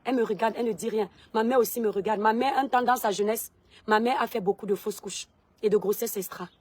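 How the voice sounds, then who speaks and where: A woman, telling a personal story straight to her followers in an animated way. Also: on the high side, quick pace, breathy edge, dry recording. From Cameroon. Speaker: vlogger. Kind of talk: personal testimony to viewers.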